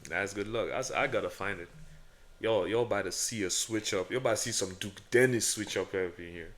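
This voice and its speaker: A man's voice: fairly quick, a bit bright. A man with an African accent on a casual podcast, rambling and stammering as he questions himself. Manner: rambling and self-questioning, stammers, drops into a mock deep voice. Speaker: podcast co-host. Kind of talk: casual chat.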